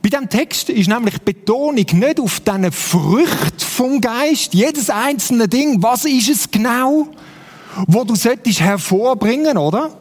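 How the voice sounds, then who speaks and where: A man's voice: extremely high pitch, animated, a little slow. A man with a Swiss German accent preaching a sermon in a conversational way, often turning to the congregation with "oder?". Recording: long hall reverb.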